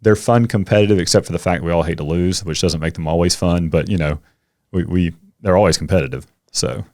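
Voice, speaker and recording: A middle-aged man, a coach and teacher, chatting as a podcast guest and telling animated stories. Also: deep voice, brisk, no room sound, studio quality. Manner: animated storyteller, acts out kids' voices. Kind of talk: casual interview conversation.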